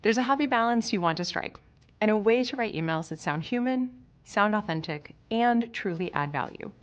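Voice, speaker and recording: A woman's voice: mid-range voice, expressive, moderate pace, highs cut off. A woman from Switzerland narrating a sales course in an upbeat, emphatic coaching manner, speaking straight to the viewer. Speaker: sales instructor.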